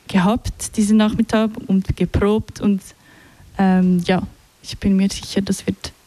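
A woman hosts a live radio culture show from a studio. She talks at an unhurried pace in a mellow voice and fills her pauses with hesitations. The sound is close and dry. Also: medium pitch, no echo. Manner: relaxed, hesitant with many fillers.

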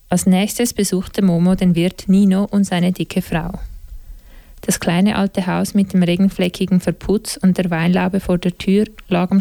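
Gravelly, low woman narrating an audiobook. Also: no echo. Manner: calm, steady reading, occasional slips and self-corrections.

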